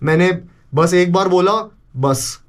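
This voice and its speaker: A young man vlogging casually, retelling a story in an animated way and mixing in English phrases and swearing. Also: high voice, slow pace.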